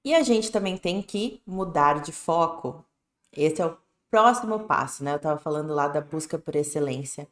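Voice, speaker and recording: Teaching English on a live stream from an echoey room, this Brazilian-accented woman is casual and direct, repeatedly asking "né?" and "tá bom?". Her voice is low with lively intonation and a moderate pace.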